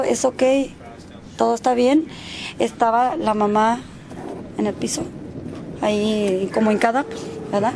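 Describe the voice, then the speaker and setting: A mother recounts what she witnessed as a neighbor, rambling to an interviewer in a casual spoken account. She acts out what people said and mixes English words into her Spanish; her voice is a little high against a noisy background.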